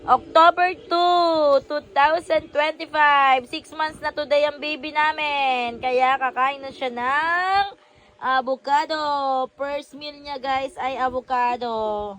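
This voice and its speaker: A young woman talks to her baby in a high, sing-song voice. She speaks slowly and playfully, cooing in a home vlog, and mixes in easy English phrases. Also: fairly even intonation, a bit bright, poor audio. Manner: cooing, playful, laughing baby talk mixing Tagalog and English. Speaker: mother vlogging her baby's first meal.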